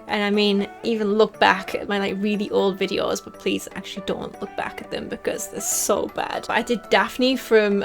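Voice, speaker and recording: A young woman from northeast England, with a softened Teesside accent, chatting in a casual Q&A vlog. She rambles with lots of "like" and little laughs as she answers fan questions. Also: fairly high pitch. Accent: softened Teesside English.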